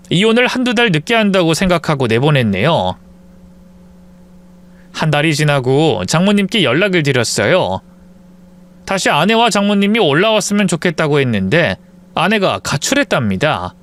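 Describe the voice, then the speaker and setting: A man's voice: fairly high pitch, big pitch swings, moderate pace, fairly bright tone. A man reading a first-person story, firm and blunt in the husband's lines. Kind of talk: scripted story narration.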